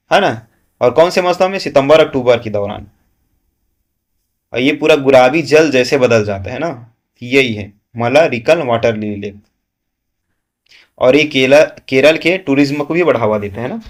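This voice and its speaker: Coaching teacher quizzing his class. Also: medium pitch. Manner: question-and-answer teaching, frequent "है ना" and "ठीक है" checks. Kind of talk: current affairs lesson.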